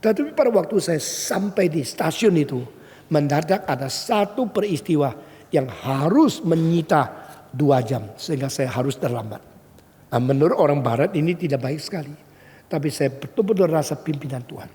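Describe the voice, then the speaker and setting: A man preaching a sermon as a pastor, telling a story with animated delivery. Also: a little high, moderate pace. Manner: animated storytelling, acting out quoted voices. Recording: long hall reverb.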